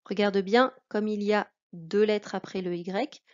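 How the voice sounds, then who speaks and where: A woman with a French accent teaching a reading lesson to a child, speaking slowly and carefully. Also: medium pitch, steady tone. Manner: slow, careful, addressing a child. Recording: dull lo-fi recording.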